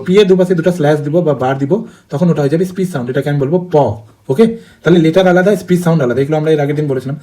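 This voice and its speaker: A male teacher giving a lesson in a brisk way, asking and answering his own questions and checking in with his students again and again. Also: fairly high pitch, mellow. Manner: repeats key terms, checks in with "okay?". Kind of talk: online lesson.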